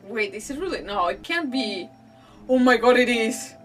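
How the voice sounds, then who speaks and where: Here a woman streamer with a fairly high, expressive voice chats through her gameplay at a moderate pace, wandering off-topic and poking fun at herself. The recording has a slightly distant mic and soft music in the background.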